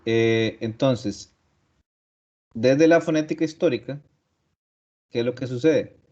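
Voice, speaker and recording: A male teacher lecturing in an online class at a middle pitch. He works through points step by step, asks rhetorical questions and repeats key terms. The audio sounds dull and lo-fi. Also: takes it slowly, mellow.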